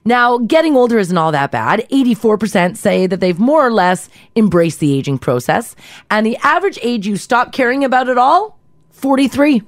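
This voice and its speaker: A woman's voice: fairly high pitch, expressive, normal speed, dry recording, clean studio sound. A woman in her thirties co-hosting a casual radio talk show, reading out poll stats and listener texts. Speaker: radio co-host.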